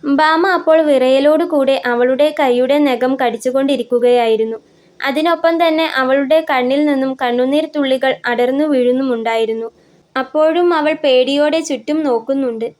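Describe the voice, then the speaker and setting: High-voiced woman narrating a story. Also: normal speed, darkish tone.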